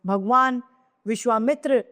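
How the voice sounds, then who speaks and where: A woman's voice: a little high, measured pace, fairly bright tone, in a large hall. A woman voicing a grieving queen mother who laments over her dead son with repeated cries. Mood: grief-stricken. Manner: wailing lament, cries of hai.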